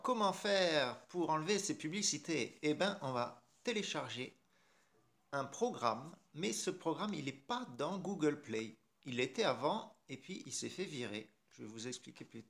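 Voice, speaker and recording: A man's voice: a little high, fairly bright tone. A man with a French accent hosting a casual phone tutorial, chatty and irreverent, with mild swearing. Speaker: tech tutorial host. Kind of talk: casual screen-recorded tutorial.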